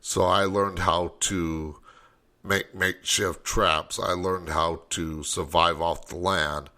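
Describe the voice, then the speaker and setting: A man's voice: deep voice, sharp tone. A man hosting a late-night call-in talk show, rambling and thinking aloud as he goes.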